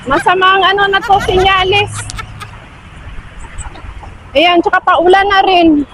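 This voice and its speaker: A woman's voice: very high-pitched, slow pace, a crowd in the background, background noise. A woman from the Philippines walking outdoors by a river, chatting to viewers and exclaiming often into a handheld phone. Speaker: vlogger. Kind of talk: casual walking vlog.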